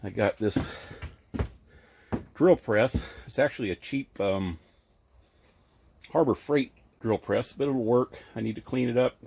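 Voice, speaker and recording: Recorded handheld outdoors at an RV park surrounded by trees, a hobby woodworker rambles chattily through a tour of his tiny shop, with lots of ums and corrections. His unhurried, mid-range voice is gravelly and a little mellow, with long pauses and a slight breathlessness. A faint hiss or hum sits under the audio.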